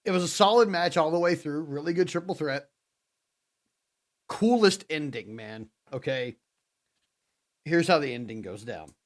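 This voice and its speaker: A man co-hosting a wrestling podcast, retelling the week's shows in a casual, animated way and acting out what the wrestlers said. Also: a little high, measured pace, long pauses. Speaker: podcast co-host.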